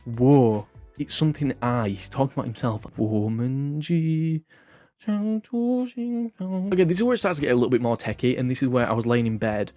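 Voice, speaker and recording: A man's voice: medium pitch, fast, warm tone, no room sound, clean studio sound, faint music behind. A man hosting a casual comedic vlog, rambling and self-mocking, swearing often. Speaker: vlog host.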